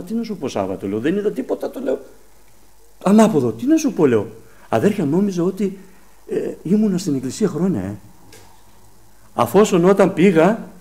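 A man with a Pontic Greek accent gives a testimony sermon at a church service. His voice sits a little high and leaps up and down as he acts out both sides of old conversations. He keeps breaking off to thank God. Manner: animated storytelling, acts out dialogue; repeats thanks to God often. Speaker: preacher.

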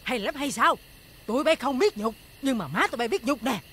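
A woman's voice: high-pitched, expressive, breathy edge, exaggerated voice. An actress playing a stern middle-aged mother of the house, scolding with a Southern Vietnamese accent. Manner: scolding, quick and sharp.

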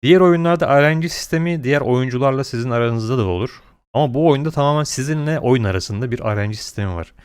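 Man, smooth clear voice, medium pitch, gaming commentary, blunt, grumbling, slangy. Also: fast talker. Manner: blunt, complaining, uses slang and mild swearing. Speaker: gaming video creator.

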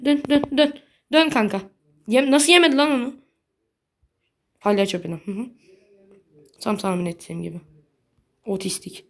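A woman giving casual gameplay commentary in a blunt, slangy way, quick to get annoyed. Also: fairly high pitch. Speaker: gaming video creator.

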